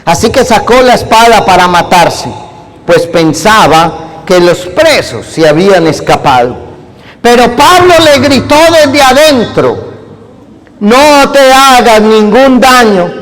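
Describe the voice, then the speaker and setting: High-voiced priest preaching in a hall. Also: male voice. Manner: lively, acts out lines with playful humor. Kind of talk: sermon. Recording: long hall reverb.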